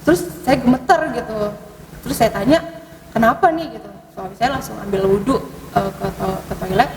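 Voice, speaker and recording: A woman telling ghost stories in casual conversation, hesitant, with many fillers and sudden rises in pitch. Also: a little fast, creaky. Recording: distant mic, echoey hall, noisy.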